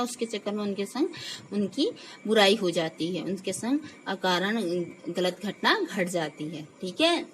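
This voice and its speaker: A woman's voice: mid-range voice, slight background noise, poor audio. A woman teacher reading and explaining a textbook story to her pupils in simple words, checking in with them, and acting out the characters' lines in a raised voice.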